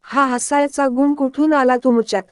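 A woman voicing a sharp-tongued young daughter-in-law who teases the men of the house. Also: sits high, steady tone, moderate pace, clear, resonant tone, no echo, clean studio sound, close to an everyday voice. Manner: teasing, tart.

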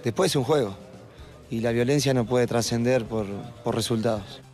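A man speaks earnestly and in measured phrases about football as an interview guest. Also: medium pitch, fairly even intonation, a little mellow, soft background music. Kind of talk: reflective interview answer.

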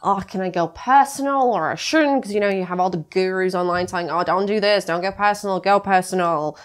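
A woman's voice: medium pitch, fairly quick. Chatty Latvian-born woman, laughing often. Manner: chatty, laughs often, many fillers and restarts. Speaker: guest, freelance graphic designer. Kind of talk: casual interview chat. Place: London podcast studio.

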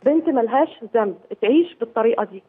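A woman's voice: fairly high pitch, lively intonation, fast, slightly rough. A woman caller with an Egyptian Arabic accent, distressed and pleading as she talks on a phone line.

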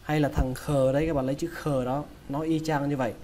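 Male teacher with a Vietnamese accent, slightly high and mellow, patient drilling delivery. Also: level tone, slight background noise. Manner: repeats each word slowly, breaking it into sounds. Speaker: English pronunciation teacher. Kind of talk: slow, drilled pronunciation lesson.

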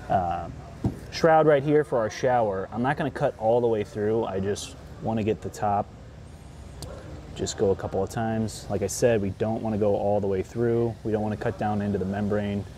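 On a large indoor workshop floor, a man in his thirties presents a product installation, giving a casual how-to demonstration and chatting as he works with his hands. His fairly low, mellow voice is steady at a normal speed, with a little hiss or hum in the background.

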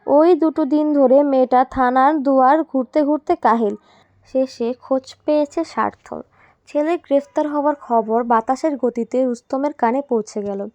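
A woman reads a story aloud in a steady, expressive voice. Her voice sits high. The sound is dry and a little dull. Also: moderate pace, dry recording. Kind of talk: scripted story narration.

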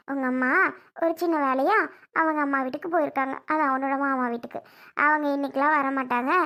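A woman's voice: high-pitched, fairly bright tone. A woman playing an older grandmother who scolds her son and sweetly coaxes her granddaughter.

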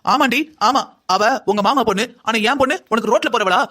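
A voice actor playing an angry middle-aged mother in a cartoon drama, scolding in a rapid-fire way. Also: fairly high pitch, pushed and bright. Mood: furious. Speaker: bride's mother.

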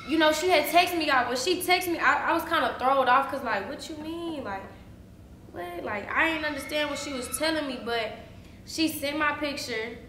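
A woman's voice: high voice, bright, forceful tone, a little hiss or hum. A young woman vlogging to camera, venting indignantly and repeating herself, full of "like" and "y'all". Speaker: YouTuber. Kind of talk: casual vlog rant to camera. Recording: echoey room.

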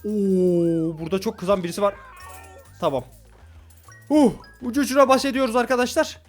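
A man giving hurried, excitable commentary while playing a restaurant game, talking to customers on screen. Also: sits high, soft background music. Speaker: gaming YouTuber. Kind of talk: casual gameplay commentary.

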